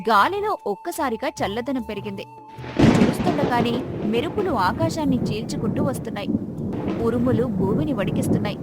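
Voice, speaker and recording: A woman telling a moral story in scripted, measured narration. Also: a little high.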